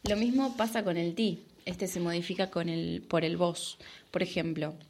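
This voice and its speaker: Gravelly low-voiced Argentine woman teacher. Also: fairly even intonation, moderate pace, a little mellow. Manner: patient and explanatory, often checking in with the listener. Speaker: Spanish teacher. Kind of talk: podcast language lesson.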